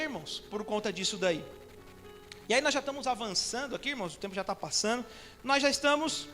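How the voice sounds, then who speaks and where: Brazilian guy preaching, really high voice, slangy and joking with the crowd, faint music behind. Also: pushed and bright. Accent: Brazilian Portuguese. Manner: casual and slangy, bantering with the congregation. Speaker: church elder preaching. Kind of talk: informal live sermon. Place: church during a Sunday service.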